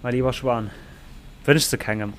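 Ein Mann mit luxemburgischem Akzent, Co-Moderator eines Sportpodcasts, plaudert locker, macht Witze und lacht oft. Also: male voice, medium pitch, steady tone, normal speed. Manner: joking, laughs often. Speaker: podcast co-host. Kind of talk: casual sports chat.

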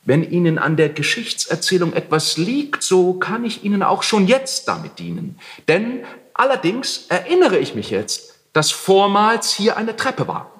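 A man's voice: sits high, very animated, unhurried, few pauses, fairly bright tone, pitched above the performer's own voice, exaggerated voice. A man reading aloud and voicing a young male tenant who answers his landlord with exaggerated, ironic courtesy. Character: young male tenant, politely mocking, evasive. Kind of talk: literary reading.

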